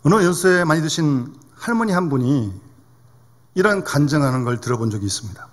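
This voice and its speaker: A man's voice: fairly high pitch, expressive, brisk. A male pastor preaching a sermon in a conversational way, often asking the congregation questions. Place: church sanctuary. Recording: reverberant church hall.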